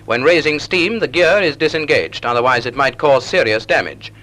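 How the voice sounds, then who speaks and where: For a 1940s naval instructional film, a man narrates with precise enunciation in a measured, didactic manner, heard on a period film soundtrack. His medium-pitched voice has a sharp tone and is expressive.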